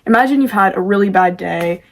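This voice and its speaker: Woman doing a how-to video, chatty and informal, kinda self-deprecating, normal mid pitch. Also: fairly quick, vocal fry. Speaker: amateur vocalist presenting a tutorial. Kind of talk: casual video tutorial.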